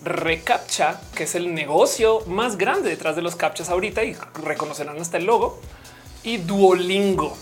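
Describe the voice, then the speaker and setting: With soft music playing behind her, a young woman from Colombia chats casually on a livestream in a fairly low voice at a moderate pace. She reads comments in a playful, talkative way, laughing frequently.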